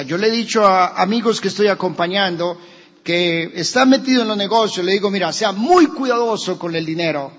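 A Colombian man preaching a sermon as a pastor, animated, acting out quoted voices and rising at times to shouts. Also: sits high, in a large hall, lo-fi sound. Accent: Colombian Spanish. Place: church.

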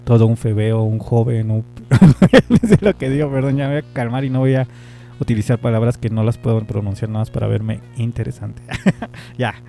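A man's voice: medium pitch, steady tone, a little fast, gravelly, warm tone, soft background music. A man with a Mexican accent, casually telling a personal story in a rambling, slangy way and laughing often. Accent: Mexican Spanish. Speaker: amateur radio-style host.

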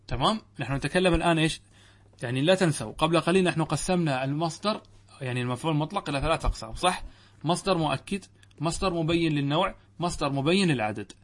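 A middle-aged man teaches a grammar lesson as a sheikh, and his voice sits somewhat higher than most men's. He reads a passage aloud, then works through it in plain classroom commentary. He keeps checking that his students follow with short rhetorical questions. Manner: quizzes listeners with rhetorical questions; reads verse and text aloud, then explains it.

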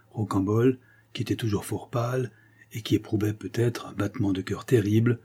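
Male audiobook narrator, measured literary reading, dark mellow tone, low pitch. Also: slightly rough. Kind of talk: scripted narration.

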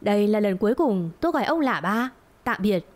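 A woman voicing a wronged young daughter, fierce and defiant, speaking in a sharp, resolute way in a storybook tale. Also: mid-range voice, animated, fairly quick, lightly acted.

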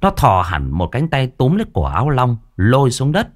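A man narrating a ghost story with dramatic, animated delivery. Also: mid-range voice, moderate pace.

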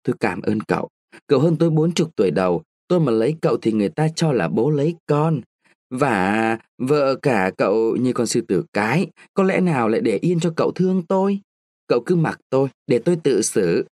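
A man's voice: mid-range voice, expressive, brisk, a little mellow, no room sound, clean studio sound, lightly acted. A man reading a story, voicing a proud young woman of eighteen who pleads and reproaches her lover. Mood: proud refusal.

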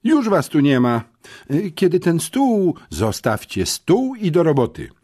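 A man's voice: a little high, huge pitch swings, measured pace, darkish tone, pitched above the performer's own voice, exaggerated voice. A man voicing a stern, pompous school headmistress in an audiobook, curt and commanding. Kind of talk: audiobook character voice.

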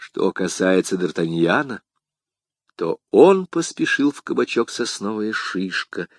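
A man reading a historical adventure novel aloud as an audiobook narrator, with dramatic, expressive storytelling. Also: sits low, unhurried, dry recording, clean studio sound. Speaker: audiobook reader. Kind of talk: scripted narration.

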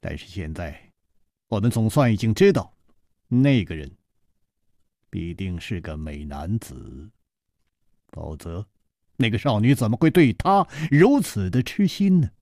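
A man's voice: lowish voice, big pitch swings, a little slow, pauses often, dry recording, studio quality. Man doing a suave, murmuring young hero. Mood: musing. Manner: murmuring, hushed.

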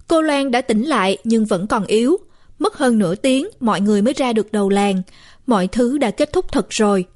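A woman narrating a first-person horror story in a measured, steady storytelling voice. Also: on the high side. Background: faint music.

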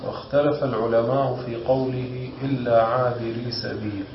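A man, a student, reading a classic text aloud evenly and pausing for the teacher's corrections. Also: mid-range voice, fairly even intonation. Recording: roomy, dull recording with background noise.

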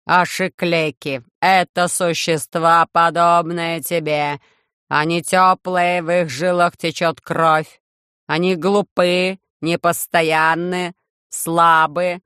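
A reader voicing a loud, harsh metallic robot ruler who speaks in slow, measured commands in an audiobook. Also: medium pitch, little pitch movement, clear, resonant tone, dry recording, studio quality. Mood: cold commanding. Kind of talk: audiobook reading.

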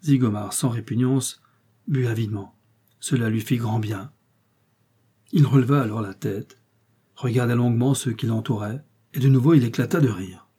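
A man reading a novel aloud as narrator, in a measured storytelling manner. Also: medium pitch, warm tone, slightly rough. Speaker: audiobook narrator. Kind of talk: literary narration.

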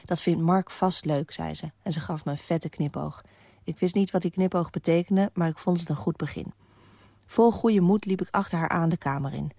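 A woman's voice: on the low side, moderate pace, gravelly, warm tone, no echo. A woman narrating her own radio piece in the first person, wry and matter-of-fact. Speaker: radio columnist.

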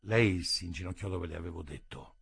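A man reading a literary short story aloud in an expressive, dramatic manner. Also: sits low, a little fast, vocal fry, slightly rough, no echo. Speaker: audiobook reader. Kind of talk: literary audiobook narration.

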